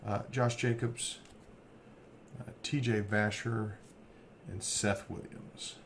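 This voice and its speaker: A man's voice: fairly low pitch, fairly even intonation, slow. A man hosting a card break, casually rambling as he reads off player names. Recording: faint background noise.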